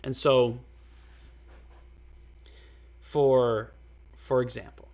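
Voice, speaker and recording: A man's voice: mid-range voice, little pitch movement, drawn-out words, a little mellow. A man giving a casual, rambling lecture, often repeating words and using fillers.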